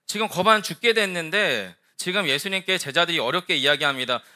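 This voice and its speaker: Bright-voiced male pastor preaching. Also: fairly high pitch, fairly quick. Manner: lively storytelling, acting out quoted voices. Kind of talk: sermon.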